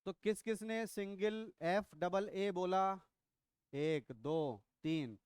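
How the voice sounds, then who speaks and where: Middle-aged male biology teacher, high smooth voice, playful and quizzing. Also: very slow, a little mellow, no room sound, clean studio sound. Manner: teasing, quizzing students, mixes English into Hindi. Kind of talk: classroom lecture. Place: classroom.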